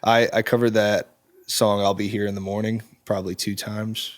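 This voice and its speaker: A man in his twenties, a musician guest, talking in a relaxed, halting way with frequent ums in a studio interview. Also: lowish voice. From Czech Republic. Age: 20s. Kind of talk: casual interview chat. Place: recording studio.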